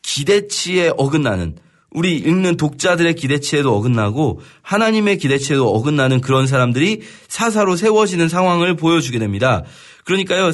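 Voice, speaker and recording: Lively-voiced man teaching the Bible. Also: a little high. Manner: explains verse by verse, often pausing with "뭐랄까요"; reads scripture aloud, then paraphrases it conversationally. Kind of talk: radio Bible study lecture.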